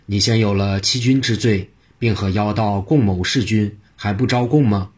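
A man voicing a stern, commanding new high judge in a told story. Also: normal speed, a little mellow, breathy edge. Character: stern newly appointed male high judge.

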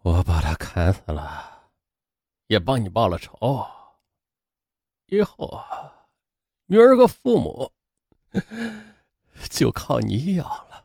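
A man's voice: medium pitch, expressive, quick pace, breathy edge, dry recording, clean studio sound. A man voicing a bitter middle-aged husband who has lost his job. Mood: broken. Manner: bitter, erupting into raging shouts.

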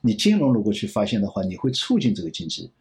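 一位男性银行业专家在访谈中回答问题，说话边想边讲，常重复词句。. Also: male voice, lowish voice, wildly swooping pitch, fast talker, a little mellow. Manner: rambling, repeats phrases while reasoning aloud. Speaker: banking expert guest. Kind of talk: thoughtful interview answers.

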